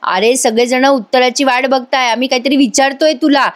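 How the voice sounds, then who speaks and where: A woman's voice: high-pitched, steady tone, moderate pace, natural voice. A woman quoting an angry young husband. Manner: pressing, reproachful.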